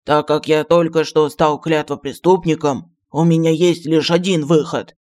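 A man's voice: on the high side, fairly even intonation, darkish tone, lightly acted. Mafusail, a man doing a pompous old genie. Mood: grumbling. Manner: grandiose and touchy, flares up fast. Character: pompous excitable old male genie astrologer.

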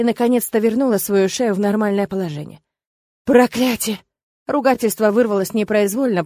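A woman reading a first-person novel aloud in a lively, expressive way. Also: mid-range voice, dry recording. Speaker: audiobook narrator. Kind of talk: first-person audiobook narration.

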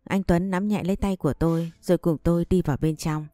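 A woman calmly narrating a first-person family story. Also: on the low side, quick pace, no room sound, clean studio sound, faint music behind.

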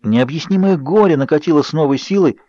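A man's voice: a little high, fast talker, warm tone, dry recording. Man reading an audiobook, dry sound. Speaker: audiobook reader. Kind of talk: scripted narration. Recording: dull, dry studio audio.

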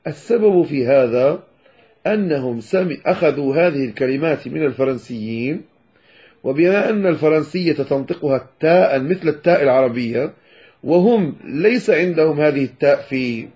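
A man from Morocco, teaching Quran pronunciation and slowly demonstrating letter sounds. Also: fairly high pitch, lively intonation, dark tone. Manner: addresses listeners as brothers, demonstrates sounds slowly. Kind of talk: tajweed lesson explaining pronunciation. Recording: dull lo-fi lecture recording.

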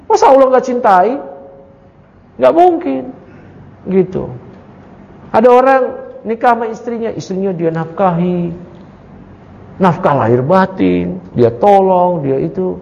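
A man's voice: high-pitched, animated, unhurried, creaky, pauses often, warm tone. A man teaching an Islamic study class. He recites Arabic lines and then explains them, and he often asks the audience rhetorical questions and jokes with them. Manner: casual with playful jokes. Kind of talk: religious study lecture. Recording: dull, echoey lecture hall recording.

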